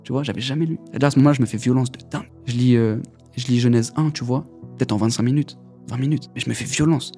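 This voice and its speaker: A man's voice: mid-range voice, fairly even intonation, quick pace, dark tone, soft background music. A young man giving a personal testimony in an interview, telling his story in casual street slang with many repeats. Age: young adult.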